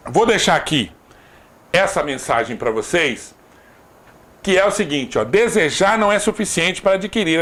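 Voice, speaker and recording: Lively Brazilian man teaching grammar. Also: sits high. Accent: Brazilian Portuguese. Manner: lively, repeats "tá?" to check understanding, jokes aside. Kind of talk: recorded exam-prep grammar lesson.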